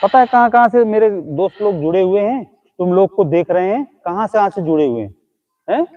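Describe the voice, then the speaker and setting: A man's voice: sits high, animated, a little fast. A man hosting a comic live stream, mockingly scolding and insulting imaginary ghosts with teasing jabs. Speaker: live-stream comedy host. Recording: tinny phone-like audio.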